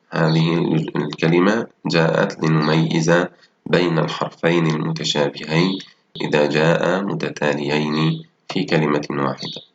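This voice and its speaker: A man teaching a primary school Arabic lesson, reading example words slowly and praising his pupils as he goes through textbook exercises. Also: rumbling low, creaky, lo-fi sound, a little hiss or hum. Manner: slow, drawn-out reading of example words and sentences.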